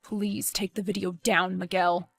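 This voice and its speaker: A woman voicing an evasive young male politician in an animated story, talking quietly and pleadingly. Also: fairly low pitch, unhurried, creaky, no echo, voice pushed down, heavily acted.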